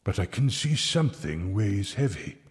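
A medieval friar in an audio drama, set in a reverberant hall. His delivery is pastoral and measured, with lively swings of pitch. He is kindly, with a wry, reproving edge. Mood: gently teasing. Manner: measured, pastoral, gently ironic.

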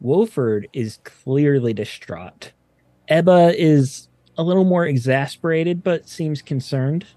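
A man's voice: on the high side, slow, dark tone, no echo. Man game master, close dry sound. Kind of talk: narrating a tabletop game.

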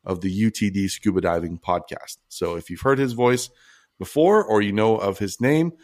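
A man's voice: on the low side, moderate pace, no echo, clean studio sound. A man hosting a podcast, casually introducing his guest with some fillers. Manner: warm, praising introduction with fillers. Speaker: podcast host.

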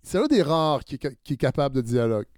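A man hosting a podcast interview, chatty and agreeable, often backing the guest with quick yeses. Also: medium pitch, sing-song, darkish tone, no room sound, clean studio sound. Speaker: podcast host. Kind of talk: conversational interview.

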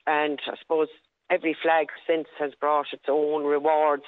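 A woman's voice: deep voice, flat delivery, normal speed, clean tone, no room sound. Woman, 60s, west of Ireland accent, teacher in conversational interview, dry narrow telephone sound. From Galway, west of Ireland. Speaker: primary school teacher. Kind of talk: interview, reminiscing chat. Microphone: phone. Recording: tinny phone line.

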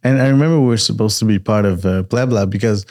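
A man's voice: on the low side, quick pace, darkish tone. A man from Peru raised in Montreal, a podcast guest telling his story with frequent hesitations in a casual chat. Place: car.

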